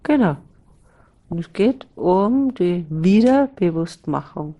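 A woman speaking as a spiritual teacher in a slow, reflective dialogue, pausing often and talking in drawn-out fragments. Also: on the low side, animated, warm tone.

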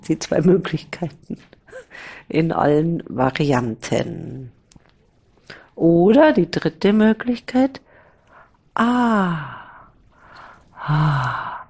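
A woman speaking as a spiritual teacher in a slow, reflective dialogue, pausing often and talking in drawn-out fragments. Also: low-pitched, lively intonation, mellow, slightly rough.

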